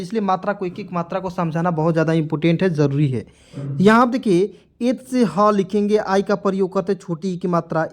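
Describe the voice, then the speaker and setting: A male teacher giving an online reading lesson, drilling each word with repeated questions and answers. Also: high voice.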